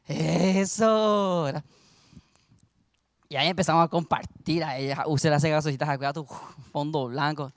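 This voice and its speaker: A young man preaching a sermon, telling a story and then rising into loud exhortation. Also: sits high, clean tone, no room sound, studio quality.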